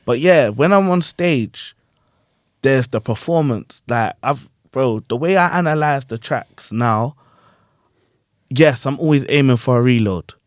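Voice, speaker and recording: A podcast host who is also a grime MC chats casually about performing, speaking in an unhurried mid-range voice. He's animated and slangy, checking in with his guests and repeating "you get what I'm saying." The recording is dry and clean, studio quality.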